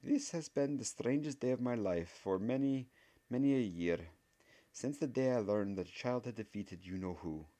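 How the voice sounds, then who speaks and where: A man's voice: medium pitch, moderate pace, voice pushed up, natural voice. A man putting on a clipped, stern older woman professor. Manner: clipped, sharp.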